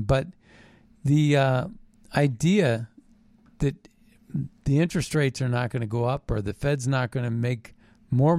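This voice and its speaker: A man's voice: medium pitch, a little mellow, no room sound. Suspicious, ranting American man, close dry sound. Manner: emphatic, repeats phrases for stress. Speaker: commentary show host. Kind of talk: unscripted political rant monologue.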